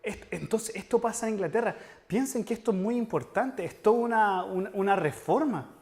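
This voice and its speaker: A man's voice: sits high, a little fast, darkish tone. A man preaching an earnest, emphatic sermon-style lecture, speaking straight to his listeners. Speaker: preacher teaching church history.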